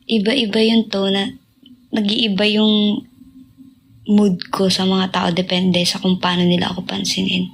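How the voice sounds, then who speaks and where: A young woman singer with a medium-pitched voice chats casually with fans on a livestream. She drifts between talking, snatches of song and soft whispers.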